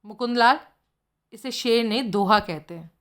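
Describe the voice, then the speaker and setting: A woman's voice: a little high, normal speed, fairly bright tone, lightly acted. Woman voicing a dry male private detective.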